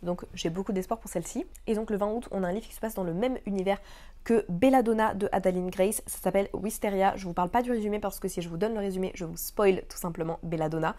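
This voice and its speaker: A woman's voice: medium pitch, fast talker, mellow. A young woman chatting casually about upcoming books, enthusiastic and chatty, with frequent fillers and English book terms mixed in. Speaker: book vlogger. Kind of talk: casual chat.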